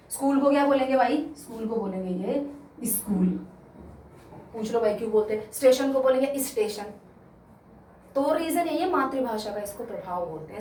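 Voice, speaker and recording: A woman's voice: on the high side, a little mellow, distant mic, a little hiss or hum. Haryanvi woman teaching in an echoey room. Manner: emphatic, repeats key words, addresses listeners as children. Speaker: Hindi teacher. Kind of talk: exam-prep lesson to students.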